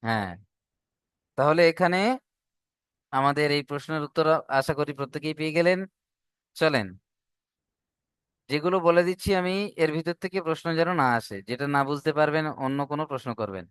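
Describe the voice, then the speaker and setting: Male Quran-reading tutor, patient and repetitive. Clear, slightly high voice on a dry close mic. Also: lively intonation, fairly bright tone, no room sound. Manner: patient, drills syllables slowly and repeats. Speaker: Arabic reading teacher. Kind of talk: online class instruction.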